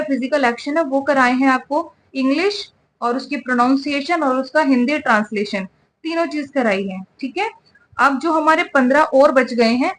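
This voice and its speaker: A woman's voice: high voice, fairly bright tone, slight background noise. A woman teaching English vocabulary, spelling words out letter by letter and checking in with "ठीक है" over and over. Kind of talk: spoken English lesson.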